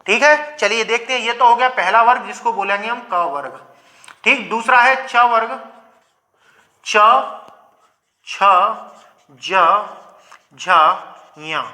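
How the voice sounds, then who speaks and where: Young male grammar teacher, high and bright, explains step by step with his own question-and-answer patter. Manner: asks questions and answers them himself, sounds out letters slowly. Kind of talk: classroom lecture.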